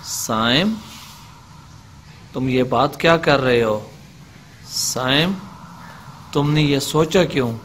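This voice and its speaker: A man's voice: mid-range voice, takes it slowly, pauses often, a bit bright, slight background noise. A man playing a male devil who keeps coaxing a boy, repeating his name over and over in a wheedling way.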